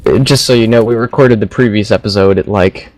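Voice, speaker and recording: Low-voiced young man rambling. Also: fairly quick, a little mellow, dry recording, rough recording. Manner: rambling, filler-heavy. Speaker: co-host. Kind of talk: casual philosophy chat.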